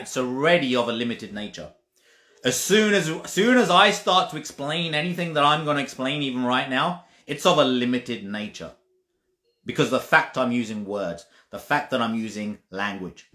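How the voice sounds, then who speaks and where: Speaking at medium pitch in a pushed, bright tone, a male spiritual teacher delivers a casual talk full of emphasis, repetition, and the odd swear word. Faint music plays in a roomy, echoing space.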